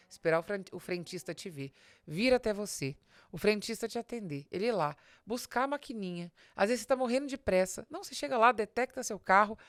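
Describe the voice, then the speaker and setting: This podcast host and business advisor, a Brazilian woman, has a medium-pitched voice captured in a clean studio with no room sound. She lectures straight to her audience on business, explaining points and asking rhetorical questions.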